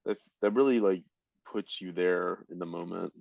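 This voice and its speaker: A man co-hosts a podcast in casual conversation, easygoing and responsive. His voice sits a little low, dry and close. A slightly dull, lo-fi mic takes the edge off his sound. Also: normal speed, gravelly, no echo. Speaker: podcast co-host. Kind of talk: casual chat.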